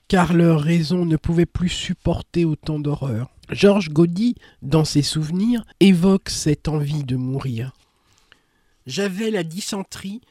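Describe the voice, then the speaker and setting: A man giving scripted documentary narration in a solemn, measured reading. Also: fairly high pitch, a little mellow, no echo, clean studio sound.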